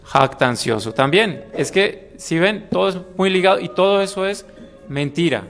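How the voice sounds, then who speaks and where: A man's voice: sits high, animated, moderate pace, creaky, a bit bright, faint music behind. A man, a priest teaching an adult catechism class to a live group in a conversational way. He often checks in with "mm?" and acts out short quoted voices. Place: room with a live audience.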